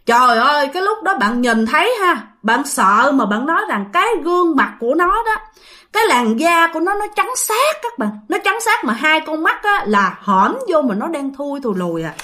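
A woman with a Southern Vietnamese accent tells a ghost story in a casual, chatty way, often turning to her listeners and repeating herself. Her voice sits high and swings widely, with a bright, sharp tone. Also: sing-song, moderate pace. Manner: chatty, addresses listeners directly, repeats phrases.

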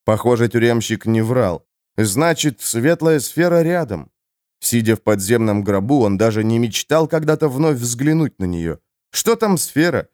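A man narrating a fantasy novel in an expressive, dramatic audiobook reading. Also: medium pitch, unhurried, no echo, studio quality. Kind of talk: scripted narration.

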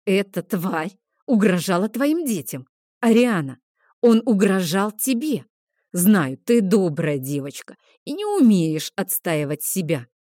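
A woman's voice: medium pitch, big pitch swings, a little slow, mellow, dry recording, clean studio sound. A woman voicing a smug, vengeful old male healer who drawls and gloats. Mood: stern lecturing.

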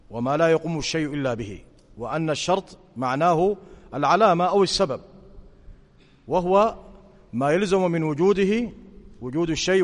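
High-voiced sheikh teaching in a hall. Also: male voice. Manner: questioning students, checking understanding. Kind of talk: religious lesson explaining to students.

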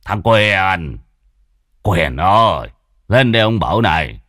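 A man voicing a stern, hot-tempered wealthy old village patriarch who scolds and shouts orders. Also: very deep voice, big pitch swings, a little slow, no echo, studio quality, voice pushed down, heavily acted. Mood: furious.

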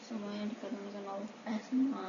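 Girl answering quietly in a noisy classroom. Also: medium pitch, fairly even intonation, fast, lo-fi sound. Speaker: student.

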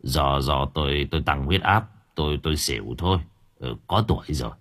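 A man's voice: rumbling low, very animated, fairly bright tone, slightly rough, pitched below the performer's own voice, full character voice. A man voicing a frail elderly village man who stammers weakly, shaken after seeing a ghost, in an audio storybook. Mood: shaken, insisting. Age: older. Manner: weak, halting, stammering.

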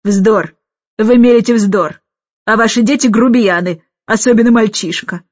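A woman reading an audiobook, voicing a domineering older governess who barks orders loudly and slowly. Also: a little high, no room sound, highs cut off, close to an everyday voice. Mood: scolding. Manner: loud, slow and bossy, barking orders.

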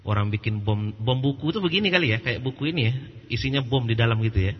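A male preacher giving a religious lecture in a lively storytelling way, acting out quoted voices and laughing at his own jokes. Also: mid-range voice, fast talker. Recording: muffled lo-fi recording with faint background noise.

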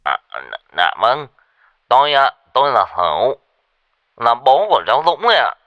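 A man's voice: low-pitched, expressive, drawn-out words, clear, resonant tone, no room sound, highs cut off, voice pushed down, full character voice. A man voicing a frightened old village father in a ghost story, stammering and quavering. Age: older.

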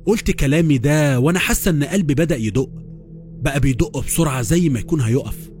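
Fast Egyptian man narrating horror. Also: fairly high pitch, darkish tone. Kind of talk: first-person horror narration. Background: faint music.

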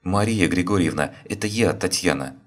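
A man's voice: low-pitched, moderate pace, voice pushed up. A man voicing an anxious young wife and mother who pleads urgently on the phone.

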